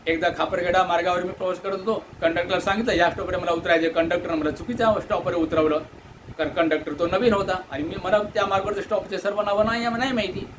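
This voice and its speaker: A man from delivers an earnest complaint monologue, asking indignant rhetorical questions and mimicking shouted orders. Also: sits high, steady tone, fast talker, slight background noise, low-quality recording. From India. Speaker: Buddhist monk airing commuter complaints. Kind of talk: direct-to-camera complaint monologue.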